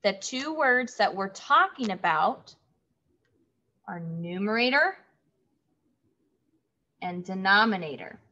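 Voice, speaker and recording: Woman, schoolteacher, unhurried, bright tone, repeats words for kids, muffled lo-fi audio. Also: medium pitch, lively intonation. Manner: slow, clear, repeating key words for children. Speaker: third grade teacher. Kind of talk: online classroom lesson. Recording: dull lo-fi audio.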